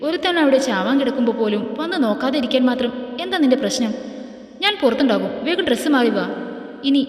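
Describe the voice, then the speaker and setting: A woman's voice: high voice, lively intonation, fast talker. Woman doing an angry scolding young man. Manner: scolding, demanding. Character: enraged loyal young man friend. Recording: echoey room with long reverb.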